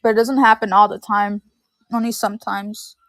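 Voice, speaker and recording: A woman's voice: mid-range voice, level tone, normal speed, fairly bright tone, no echo, clean studio sound. Rambling woman in her thirties. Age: 30s. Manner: rambling, heavy use of "like". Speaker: live-stream seller. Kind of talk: casual chat on a live stream. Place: at home in her room.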